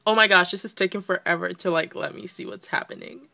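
Gushing young woman, very bright. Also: fairly low pitch, steady tone, quick pace, vocal fry. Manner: gushing, repeats "oh my gosh", breathless. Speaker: mobile game player. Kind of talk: excited gaming vlog chatter.

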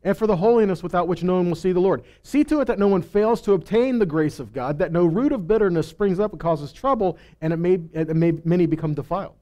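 A man in his thirties, a pastor, preaches a teaching sermon on a small indoor stage using a headset mic, gesturing and reading scripture aloud. His voice is high and mellow, and he talks fast with hardly any pauses.

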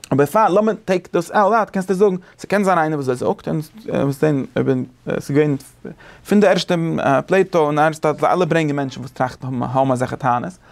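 A man teaching a casual study lesson, animated and thinking aloud with many restarts. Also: on the high side, brisk, creaky.

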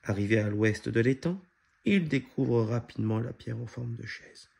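A man reading a children's picture book aloud in a steady storytelling manner. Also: medium pitch, moderate pace, gravelly, breathy edge. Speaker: storybook reader.

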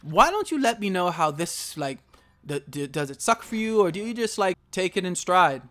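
Casting: male gaming vlogger, slightly high voice, casual news commentary, conversational and a bit rambling. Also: big pitch swings, normal speed, fairly bright tone. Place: indoors at a relative's house. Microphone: borrowed microphone, not the usual one.

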